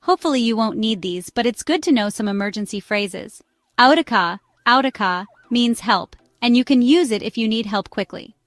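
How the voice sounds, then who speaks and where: A woman's voice: a little high, lively intonation, no room sound. Upbeat woman teaching travel phrases. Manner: upbeat, repeats phrases slowly for practice. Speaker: language tutor. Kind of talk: scripted travel phrase lesson. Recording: dry close mic with faint music.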